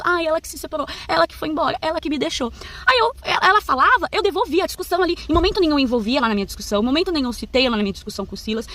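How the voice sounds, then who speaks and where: A young woman rapidly retelling a heated family fight in casual, indignant storytelling. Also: high-pitched, a bit bright. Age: young adult.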